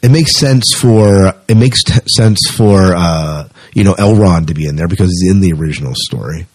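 A podcast co-host with a low, darkish voice and a breathy edge talks at normal speed, chatting casually through entertainment news about sci-fi movies.

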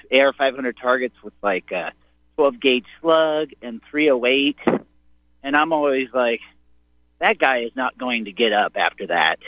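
A man's voice: fairly high pitch, fairly bright tone, no room sound. A man calling in to a radio show over the phone to ask a question, hesitant and full of fillers like "uh" and "like". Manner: hesitant, lots of uh and like. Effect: call-in voice over a phone line. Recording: dull phone line.

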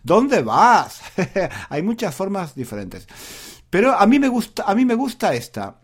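Chatty teacher, lively voice. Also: male voice, high voice, unhurried, breathy edge. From Spain. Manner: chatty, repeats phrases, laughs often. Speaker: Spanish teacher. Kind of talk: casual spoken lesson.

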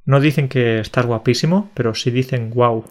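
Joking Spanish podcast co-host. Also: male voice, mid-range voice, darkish tone. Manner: joking, slow and carefully articulated. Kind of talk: casual chat for language learners.

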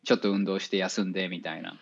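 A man, an engineer guest in a casual interview, explaining things step by step with many fillers and pauses. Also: sits low, flat delivery, creaky. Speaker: spacecraft navigation engineer. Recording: dull lo-fi audio.

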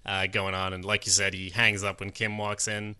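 A man's voice: deep voice, completely flat delivery, moderate pace, pushed and bright, clean tone. A man co-hosting a podcast, chatting casually about a TV episode, rambling and swearing now and then. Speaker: podcast co-host. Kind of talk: casual TV recap chat.

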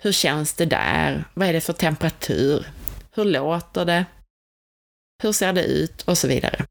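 Calm female instructor, slightly low voice, steady coaching delivery. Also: gravelly. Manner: calm, explanatory, gently coaching. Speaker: childbirth educator. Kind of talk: instructional talk.

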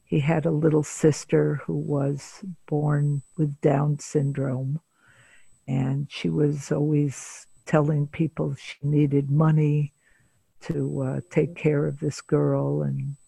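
An older woman, a psychotherapist, telling a patient's story in an interview, measured and pausing often to gather her thoughts. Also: deep voice, flat delivery, gravelly, mellow, breathy edge, dry recording. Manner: measured, pauses often with filler sounds. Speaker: psychotherapist guest.

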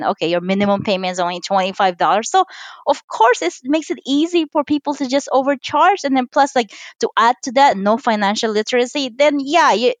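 A woman from the Philippines, a financial coach talking in a casual interview, animated, with many filler words and restarts. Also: a little high, no room sound.

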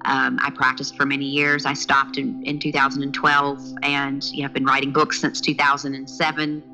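A woman in her fifties from the southern United States, a podcast guest telling her life story in a lively, earnest way. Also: rumbling low, normal speed, over music, poor audio. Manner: lively, earnest, with laughs and restarts. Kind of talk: personal storytelling in interview.

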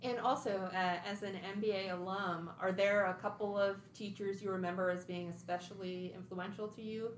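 A woman hosting a school podcast, reading out her introduction and interview questions clearly. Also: medium pitch, fairly even intonation, normal speed, few pauses, slight background noise. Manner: clear, read-aloud questions. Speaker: podcast host. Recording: echoey room.

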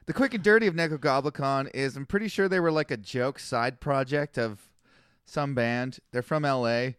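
A man's voice: medium pitch, moderate pace, smooth, dry recording, clean studio sound. A young man co-hosting a casual podcast, telling rambling stories and complaining for laughs. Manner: complaining storyteller, deadpan gripes. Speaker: podcast co-host.

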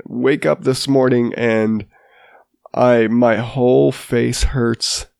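Speaking slowly and flatly, a podcast host in his thirties with a sinus infection rambles through a monologue, putting himself down and restarting many times. His mid-range voice is gravelly and darkish yet clear and resonant, in clean studio sound without echo.

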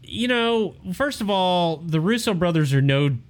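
A man co-hosting a casual chat show, animated and joking, with lots of fillers. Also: sits high, unhurried. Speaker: podcast co-host.

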